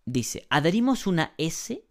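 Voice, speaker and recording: A man teaching an English grammar lesson, patiently explaining rules, asking rhetorical questions and slowing down to stress key points. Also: fairly high pitch, sing-song.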